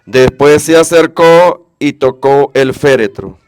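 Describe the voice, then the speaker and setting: A man reading Gospel passages aloud at Mass in a measured, steady way. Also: medium pitch, clear, resonant tone, no room sound. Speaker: scripture reader.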